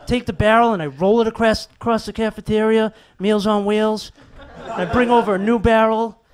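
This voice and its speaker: A man doing a stand-up set, telling exasperated, profane stories with animated outbursts. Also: sits high, fairly quick, clear, resonant tone, no room sound, a faint crowd. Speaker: stand-up comedian.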